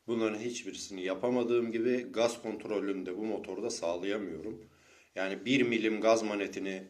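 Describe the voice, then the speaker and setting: A man talks to camera in the style of a personal vlog. He gives an update as a motorcycle vlogger, with his pitch sitting clearly on the deep side.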